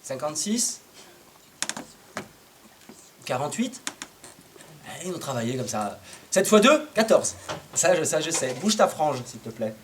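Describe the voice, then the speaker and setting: A man telling a Christmas tale to a live audience in a playful, animated way, sometimes singing and getting listeners to join in. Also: on the high side, measured pace, pauses often, background noise. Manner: lively, playful, sings and gets the audience to join in. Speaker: storyteller. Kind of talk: oral storytelling to a live audience.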